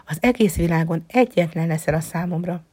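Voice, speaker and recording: A woman voicing a gentle, lonely male fox in a storybook reading, speaking softly and often sinking into a whisper. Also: on the low side, breathy edge, no echo. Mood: musing. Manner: soft, musing, often dropping to a whisper.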